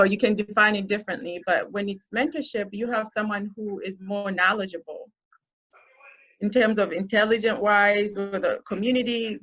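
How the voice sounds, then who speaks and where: A woman's voice: mid-range voice, fairly bright tone, lo-fi sound. A woman guest speaker from Zambia giving an earnest, encouraging talk to a youth group. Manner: earnest, encouraging, with frequent restarts.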